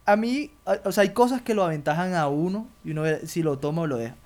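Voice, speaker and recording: A man's voice: fairly high pitch, fast talker, a little mellow. A comedian with a Colombian Caribbean coast accent, talking in a loose, casual chat. He is slangy and swears often, and he acts out the voices he quotes. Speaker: comedian, podcast co-host.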